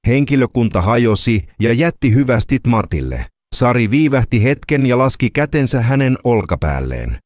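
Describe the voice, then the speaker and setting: A man narrating a scripted dramatic story in a lively, storytelling manner. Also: medium pitch, few pauses, no echo, studio quality.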